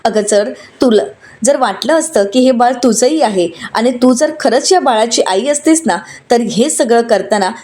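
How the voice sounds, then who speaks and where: A woman's voice: a little high, animated, moderate pace, a little mellow, natural voice. A woman reading a scolding angry young wife. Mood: indignant. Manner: scolding, indignant.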